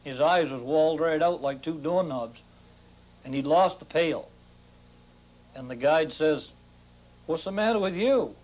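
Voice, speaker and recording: A man's voice: fairly high pitch, a little slow, long pauses, darkish tone. A man in his forties with a Maine accent, telling folksy tall tales in a dry, drawling, plain-spoken way on a kitchen set. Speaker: storyteller host. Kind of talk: folksy tall-tale storytelling.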